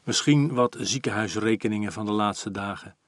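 A man's voice: fairly low pitch, moderate pace, no room sound, studio quality, natural voice. A man voicing a jovial, blunt older male notary who talks in a hearty, slightly teasing way. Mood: businesslike.

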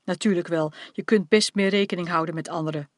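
A reader plays a middle-aged father at the end of his patience, pressing and stern. His voice is mid-pitched and sits right up close, with a dry studio feel. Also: steady tone, fast talker, no room sound, lightly acted. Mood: stern scolding. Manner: insistent, scolding. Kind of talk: audiobook reading.

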